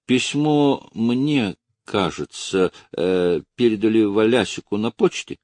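A man's voice: fairly low pitch, slow pace, a little mellow, dry recording, voice pushed up. A man voicing a simple, loyal soldier servant who speaks in a humble, deferential way in a storybook reading. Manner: deferential, slightly sheepish.

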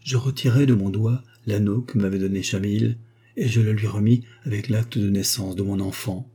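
A male audiobook reader with a dark, mellow, husky voice. He narrates in a steady, measured way. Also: on the low side. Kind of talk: scripted narration.

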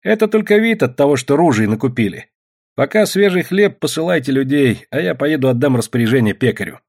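A man's voice: mid-range voice, animated, brisk, a little mellow, pitched above the performer's own voice. A man voicing a young male mine manager who explains things plainly in an audiobook. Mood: explaining. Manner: matter-of-fact, explaining. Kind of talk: audiobook narration.

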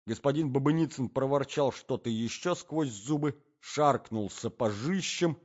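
A man narrating an audiobook in an animated, expressive storytelling manner, on a dull lo-fi recording. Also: mid-range voice, measured pace. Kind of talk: scripted narration.

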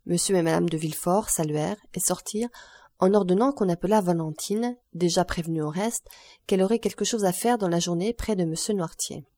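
A woman reading a classic novel aloud as an audiobook narrator, calm and measured. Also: on the low side, no room sound. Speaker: audiobook reader.

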